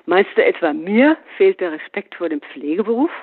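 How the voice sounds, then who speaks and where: A man's voice: high-pitched, lively intonation, normal speed, husky. A man doing a barking, irritable old father. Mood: indignant. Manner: barking, indignant. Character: gruff older father in hospital, irritable. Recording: phone-like narrow band.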